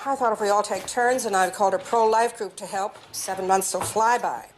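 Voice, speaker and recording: A woman's voice: mid-range voice, fairly quick, a little hiss or hum, close to an everyday voice. An actress playing a fussing, defensive middle-aged mother in a film drama.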